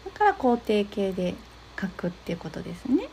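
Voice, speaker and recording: A young woman hosting an advice talk, explaining steps gently with frequent soft agreeing fillers. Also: medium pitch, sing-song, a little fast, a little hiss or hum. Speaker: podcast host giving advice to therapists.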